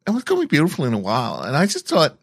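A man improvising a blunt young woman who rambles indignantly and climbs high in pitch when she gets upset. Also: big pitch swings, moderate pace, no room sound, studio quality. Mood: tearful. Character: blunt young woman, brash then tearful.

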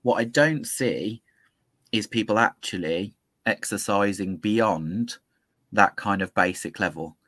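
A man co-hosting a podcast in casual discussion, thoughtful and hesitant, with many pauses and ums. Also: lowish voice, fairly bright tone, no echo. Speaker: podcast co-host.

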